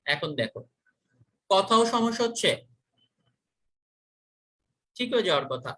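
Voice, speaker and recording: Lively, bright-voiced teacher. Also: mid-range voice, unhurried. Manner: repeats questions and quizzes students. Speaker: chemistry teacher. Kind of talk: online class lecture.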